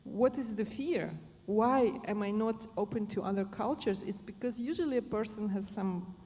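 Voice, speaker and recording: Speaking from a conference stage in a big hall, this mellow woman from Germany has a medium-pitched voice and pauses often as she hunts for words. She is a panelist giving an unscripted explanation of positive psychology, recorded with echo and faint background noise.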